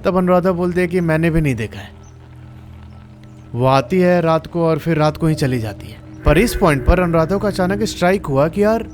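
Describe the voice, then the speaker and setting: A man's voice: on the high side, normal speed, darkish tone, faint music behind. A man narrating a true horror story in a casual, chatty way, talking to listeners like friends.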